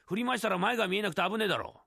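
A man doing a gruff, mocking Edo heckler. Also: high-pitched, racing, sharp tone, no echo, clean studio sound, heavily acted. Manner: rough Edo-style tough-guy speech. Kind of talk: rakugo storytelling.

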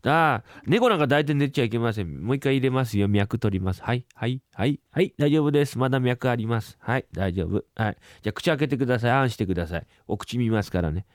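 A man's voice: fast, few pauses, no echo, studio quality, close to an everyday voice. A man performing rakugo plays a bumbling, cheeky young doctor's assistant chattering fussily at a bedside. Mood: fussy. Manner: fussy, chatty bedside talk, low-voiced. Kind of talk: rakugo storytelling.

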